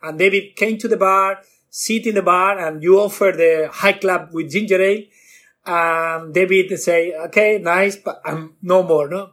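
Animated man telling stories. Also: a little slow. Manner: acts out quotes with jumps in pitch, non-native grammar. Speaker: guest bartender. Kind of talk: animated storytelling.

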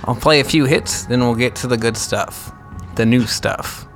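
Man voicing a brash bard, gravelly, mid pitch, rambling, self-deprecating, tabletop role-play. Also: moderate pace, soft background music, close to an everyday voice. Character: brash swearing male bard musician.

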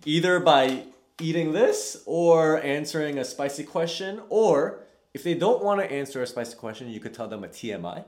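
A man's voice: fairly high pitch, lively intonation, moderate pace. A man hosting a casual podcast interview, teasing his guest playfully and laughing often. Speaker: podcast host. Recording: roomy echo.

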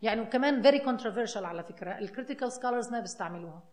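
A woman's voice: on the high side, lively intonation, rapid-fire, darkish tone, roomy sound. A woman researcher with a Palestinian Arabic accent explains informally, switching between Arabic and English words and phrases. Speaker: researcher speaking on a panel.

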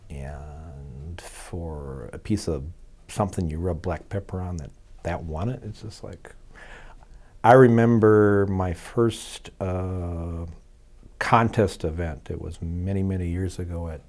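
A man, a cheesemaker, talking in a radio interview in a halting, reflective way, often laughing. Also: low-pitched, fairly even intonation, a little mellow.

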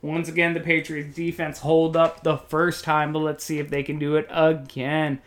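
A man doing joking, excitable, folksy play-by-play commentary on a football video game. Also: on the high side, moderate pace. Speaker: play-by-play announcer.

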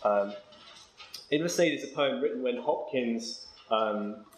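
A man giving an academic lecture, hesitating with ums and reading verse slowly and with care. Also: mid-range voice, reverberant, slight background noise, poor audio. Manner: slow, measured reading of verse, then brisk explanation with ums.

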